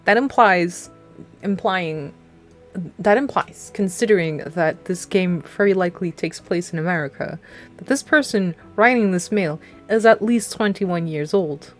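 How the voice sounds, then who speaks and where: Slow, rambling young woman streamer. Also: fairly low pitch, expressive, soft background music. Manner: rambling, self-mocking, laughs often. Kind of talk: casual gameplay commentary.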